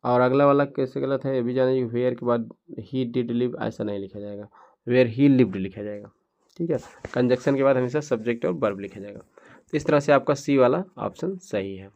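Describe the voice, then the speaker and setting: A man's voice: mid-range voice, normal speed, vocal fry, darkish tone. A man teaching an English grammar lesson, explaining each step while reading out English example sentences. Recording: dull lo-fi recording.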